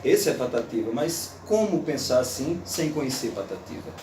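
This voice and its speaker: A man's voice: medium pitch, moderate pace, reverberant, far from the mic, noisy background. A man giving an informal, playful lecture to an audience. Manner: animated, playful, recites verse aloud.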